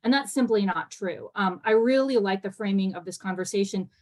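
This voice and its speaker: A woman immigration lawyer talks on a video-call panel, speaking fast and with real conviction. Her sentences tumble out with ums and restarts, and her voice sits at an ordinary middle pitch. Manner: fast-talking, earnest, with frequent fillers and restarts. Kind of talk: panel discussion answer.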